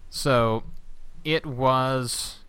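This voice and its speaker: A man's voice: medium pitch, fairly even intonation, drawn-out words, pushed and bright, clean tone, no room sound. A man co-hosting a casual podcast, explaining astronomy in a chatty, rambling way with asides. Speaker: podcast co-host. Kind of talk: casual chat.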